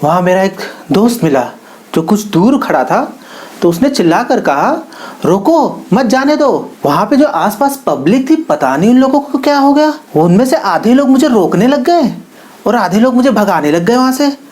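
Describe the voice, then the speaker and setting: A woman's voice: a little high, very animated, moderate pace, darkish tone, voice pushed up. A woman voicing a battered, frantic man who tells in a panic how a crowd mobbed him. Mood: flustered. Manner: panicky, exasperated storytelling.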